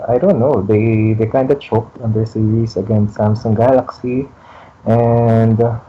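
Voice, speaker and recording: A man chatting on an esports podcast, talking hesitantly with many restarts and fillers, heard over a low quality stream. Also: fairly even intonation, unhurried, dull audio, slight background noise. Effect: low quality stream audio. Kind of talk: casual podcast chat over a call.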